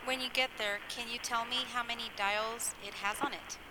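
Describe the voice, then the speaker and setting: A woman's voice: a little high, steady tone, moderate pace. Chirpy woman, scripted customer service, noisy recording. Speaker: utility call centre agent in a scripted phone dialogue. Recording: clearly noisy with loud background noise.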